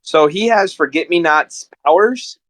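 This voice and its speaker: His voice sits on the high side and is a bit bright, moving at a measured pace without any echo. He's a podcast guest and amateur voice actor, chatting casually and rambling through stories with enthusiasm.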